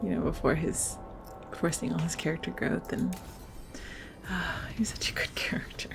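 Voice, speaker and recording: A woman's voice: low voice, fairly even intonation, moderate pace, creaky, whispered, soft background music. A young woman streamer chatting casually and reacting to a video game, giggly and emotional. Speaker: gaming streamer. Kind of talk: casual let's-play commentary.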